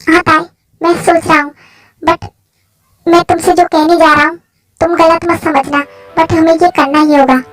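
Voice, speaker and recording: A woman's voice: extremely high pitch, level tone, moderate pace, long pauses, soft background music. A woman voicing an anxious, protective young man in a fan story, talking in a pleading, fretful way. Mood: insistent.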